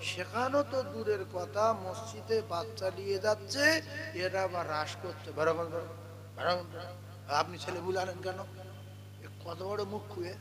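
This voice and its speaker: A man giving a humorous sermon as a preacher, scolding the crowd in quick asides and breaking into chanted song. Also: high voice.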